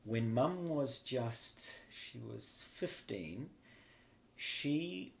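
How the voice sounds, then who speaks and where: This guest is a spiritual teacher with a New Zealand accent, telling his life story in a casual interview. He speaks extremely slowly in a creaky, mid-range, expressive voice. He is reflective and rambling, repeatedly starting his sentences again.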